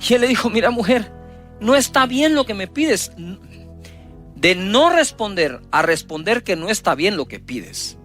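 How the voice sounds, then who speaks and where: A man's voice: sits high, sing-song, measured pace, soft background music. Man preaching a dramatic sermon. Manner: dramatic preaching, reading scripture aloud and retelling it; wide swings in loudness and emphasis. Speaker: pastor.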